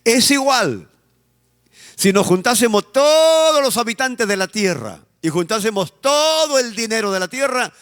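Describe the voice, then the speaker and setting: Emphatic Peruvian pastor preaching in a hall. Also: male voice, very high-pitched, expressive, fairly bright tone. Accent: Peruvian Spanish. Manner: emphatic preaching, drawn-out phrases, asks the congregation to repeat. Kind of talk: sermon.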